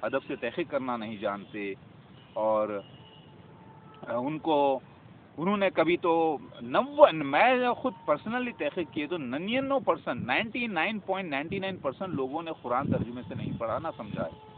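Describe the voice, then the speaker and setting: A man's voice: fairly high pitch, sing-song. A man preaching to his viewers in a fervent, scolding religious monologue full of rhetorical questions. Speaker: self-styled religious preacher. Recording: tinny phone-like audio with faint noise.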